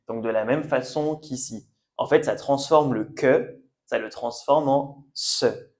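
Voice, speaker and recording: A man teaching a French pronunciation lesson, slowly repeating each word for learners. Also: mid-range voice. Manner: slow, careful, repeats words for learners. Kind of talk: language lesson at a whiteboard.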